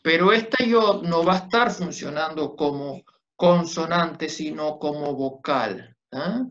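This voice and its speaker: A man's voice: fairly high pitch, takes it slowly, fairly bright tone. A man teaching Biblical Hebrew in a class, patiently checking understanding with short tag questions. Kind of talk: classroom lecture at a whiteboard. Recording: dull lo-fi classroom recording.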